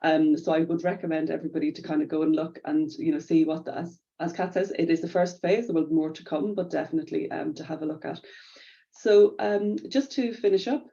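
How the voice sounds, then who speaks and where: A woman's voice: low-pitched, steady tone, a little fast, vocal fry, dark tone, highs cut off. A woman hosting a webinar, effusive and thankful toward her guest. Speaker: webinar host.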